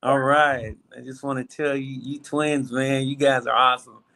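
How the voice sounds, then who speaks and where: Bright-voiced man calling a sports show. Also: mid-range voice, level tone, moderate pace, vocal fry. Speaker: first-time caller. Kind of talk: casual sports call-in chat.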